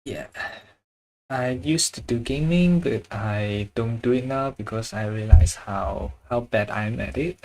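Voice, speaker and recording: A man's voice: mid-range voice, a little slow, mellow, rough recording. A man with a Chinese accent, chatting casually with viewers while he draws on a livestream, often searching for words and chuckling. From China. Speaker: drawing livestreamer.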